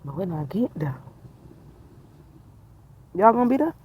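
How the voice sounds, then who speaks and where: This vlogger in her twenties talks from a tree outdoors in a relaxed, reflective, slangy and spiritual manner, with frequent laughter. Her mid-range voice is husky and sing-song, her pace unhurried, and the sound has a phone-like quality.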